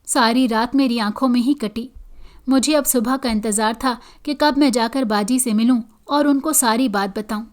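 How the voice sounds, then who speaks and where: Woman narrator for horror audio stories, steady, slightly high pitch. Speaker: storyteller. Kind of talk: scripted first-person horror narration.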